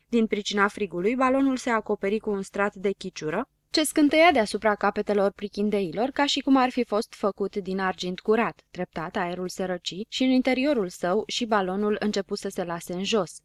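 Woman, audiobook narrator, expressive storybook reading, close mic, dry sound. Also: medium pitch, no room sound.

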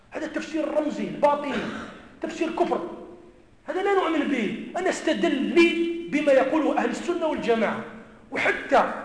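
A man with an Algerian Arabic accent, a native Amazigh speaker, gives an emphatic lecture in a large mosque, speaking fast in a very high voice. His words ring out through the echoey hall with a long reverb. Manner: emphatic, repeats key phrases.

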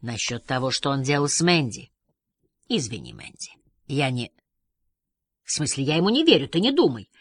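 A woman's voice: extremely low pitch, sing-song, moderate pace, long pauses, slightly rough, dry recording, clean studio sound, heavily acted. A woman reading the part of an exhausted, troubled woman who speaks in a weary, subdued, apologetic way.

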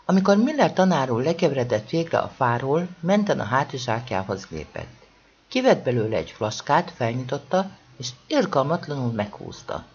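A husky audiobook narrator telling a humorous story with lively storytelling energy. The pitch moves widely. The recording is dull and lo-fi.

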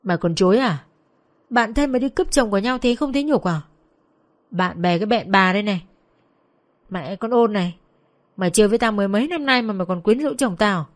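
A woman's voice: mid-range voice, quick pace, close to an everyday voice. A woman voicing a jealous young woman who screams vicious insults in a brawl, in a narrated audio story. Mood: screaming abuse.

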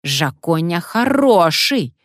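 A woman voicing a cheeky, pushy old male parrot with a hoarse, croaking, drawn-out voice, in an audiobook story. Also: fairly low pitch, sing-song, no room sound, studio quality, exaggerated voice.

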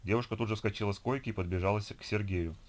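A man reading an audiobook in measured scripted narration. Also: on the low side.

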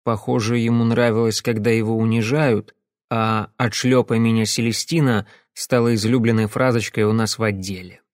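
A man's voice: on the low side, level tone, moderate pace, no echo. A man narrating an audiobook in the first person, in a dry, understated way.

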